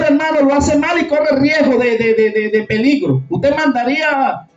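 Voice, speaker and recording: A high-voiced man preaches emphatically to his congregation. He is recorded from afar in an echoey church hall. The sound is dull, and faint music plays behind him. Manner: emphatic, addresses congregation as "hermano", rhetorical questions. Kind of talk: sermon. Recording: echoey room, distant mic, dull sound.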